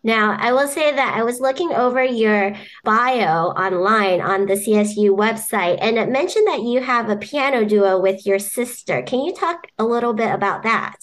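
A woman's voice: fairly high pitch, moderate pace, hardly any pauses. A woman host welcoming a guest and asking friendly interview questions.

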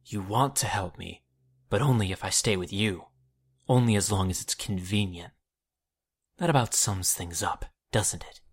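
An actor playing a troubled, stubborn young male mage who talks in a halting, defensive way. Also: deep voice, slightly rough. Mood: accusing. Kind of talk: audio drama acting.

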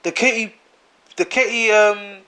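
A man talks in a high, light voice. He is animated and slangy, and he repeats phrases for emphasis in a casual podcast chat. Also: a little slow.

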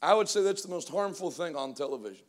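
High-voiced, energetic preacher in his forties. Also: fast. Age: 40s. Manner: energetic, joking, call-and-response with the congregation. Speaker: pastor. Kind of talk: sermon.

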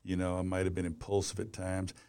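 Gravelly older man rambling in an interview. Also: low-pitched, completely flat delivery, brisk, a little mellow. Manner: rambling, peppered with "you know". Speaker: business publisher and columnist. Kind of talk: casual interview talk.

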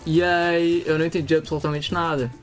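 Young guy, relaxed storyteller, casual podcast guest. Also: a little high, brisk, soft background music. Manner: storytelling, chatty. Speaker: exchange student guest.

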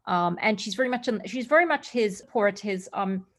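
Middle-aged actress guest from Zimbabwe and Australia; casual and chatty, slight fry. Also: female voice, mid-range voice, animated, moderate pace. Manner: chatty, many restarts and fillers. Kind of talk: casual interview answers.

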